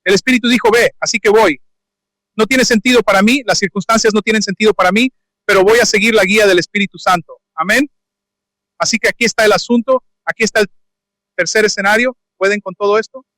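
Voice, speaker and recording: A man preaching a lively sermon in a church, asking the congregation questions and acting out the dialogue of the scripture figures. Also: high voice, a little fast, no room sound, poor audio. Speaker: pastor. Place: church sanctuary. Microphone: handheld or stand microphone.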